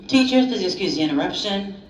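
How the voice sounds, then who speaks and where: A woman making a brisk, formal announcement to teachers over a school intercom loudspeaker. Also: mid-range voice, expressive, slight background noise. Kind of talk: public address announcement. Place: classroom, heard over the intercom. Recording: echoey far-off loudspeaker, dull lo-fi sound.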